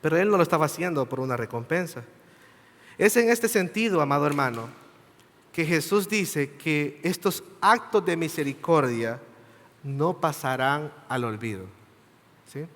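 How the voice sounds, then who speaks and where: A man delivers a sermon in a voice pitched a little high. He talks earnestly, asking the congregation questions and checking in with short tags as he goes. The sound rings out with the long reverb of a large church hall. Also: expressive, moderate pace, a bit bright. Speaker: preacher.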